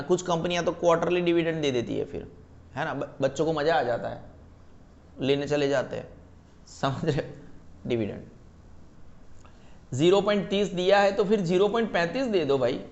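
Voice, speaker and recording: A man teaching a class, reading English terms out slowly and checking that his students follow, calling them beta. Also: a little high, creaky, lo-fi sound. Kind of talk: class lecture.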